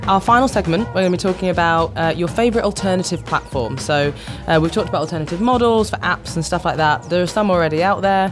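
A woman's voice: fairly low pitch, fast, hardly any pauses, over music. A woman hosting a podcast, upbeat and enthusiastic as she wraps up the episode and thanks her guests. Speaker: podcast host. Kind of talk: casual podcast chat.

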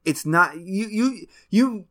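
A man's voice: high-pitched, lively intonation, slow pace, sharp tone. A man in his thirties co-hosting a casual sports podcast from his home, teasing and sarcastic. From United States. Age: 30s. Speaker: podcast co-host.

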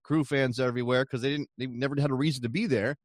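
A man hosting a casual sports chat, telling things in an animated way with rhetorical questions and asides. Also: mid-range voice, fast talker, no echo, studio quality. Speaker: podcast host.

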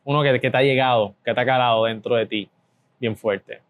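A man's voice: mid-range voice, steady tone, fairly quick. A man interviewing with short prompts. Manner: brief prompts and playful question lead-ins. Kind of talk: casual interview.

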